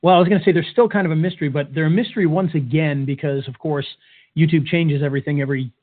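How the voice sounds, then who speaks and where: A man's voice: on the high side, fairly even intonation, quick pace. An upbeat, joking man co-hosting and presenting a casual, informal webinar. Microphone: webcam webinar call. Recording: tinny, phone-like band-limited webinar audio.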